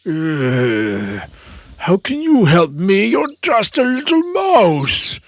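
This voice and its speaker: A woman playing a proud, dismissive male lion king in a children's storybook, lowering her voice and drawling. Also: wildly swooping pitch, very slow, dry recording, studio quality, full character voice. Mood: doubtful. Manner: haughty, drawling, scornful.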